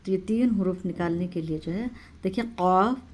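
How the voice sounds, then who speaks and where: A woman teaching the pronunciation of Arabic letters, who explains slowly and step by step and repeats each sound several times in a drawn-out way. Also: fairly low pitch, darkish tone. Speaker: Quran recitation teacher. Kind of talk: patient pronunciation lesson.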